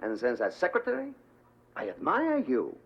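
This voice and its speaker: A man's voice: fairly high pitch, wildly swooping pitch, normal speed. An actor playing a pompous male German police investigator who bullies the suspects, with a German accent and a hard, spitting way of saying his words. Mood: mocking. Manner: sneering, mocking and bullying. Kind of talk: 1970s sitcom acting. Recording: muffled 1970s TV sound with hiss.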